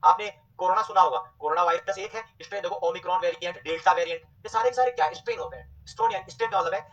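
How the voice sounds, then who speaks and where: A man teaching a nursing exam class, repeating terms slowly and quizzing his students. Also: high-pitched, a bit bright, recorded from a distance, lo-fi sound. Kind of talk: online exam coaching lecture.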